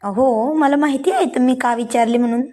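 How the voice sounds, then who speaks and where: A woman's voice: high-pitched, brisk, mellow, close to an everyday voice. A woman voicing a bashful but teasing young wife in a read-aloud story, speaking lightly and playfully.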